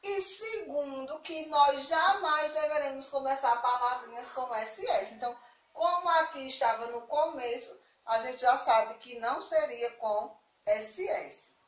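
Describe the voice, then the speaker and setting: A primary school teacher with a Brazilian Portuguese accent gives a remote spelling lesson to young children, explaining slowly and patiently and often checking with "tá certo?" whether they follow. Her voice is high and fairly bright, recorded roomily from a distance off the mic.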